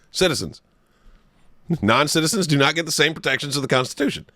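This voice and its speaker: A man's voice: fairly high pitch, expressive, a little fast, no room sound. Brief: male podcast co-host, swearing comedic rants, dry close sound. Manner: loud, swearing, laughing rants. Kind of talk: profane comedic banter.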